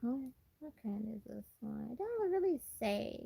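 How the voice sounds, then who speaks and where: Very animated and a little high, her voice is creaky and mellow with a breathy edge, moving at a moderate pace. She's a Brooklyn, New York woman with a country Southern-tinged American accent, casually and expressively chatting as a livestream host and repeating phrases for emphasis.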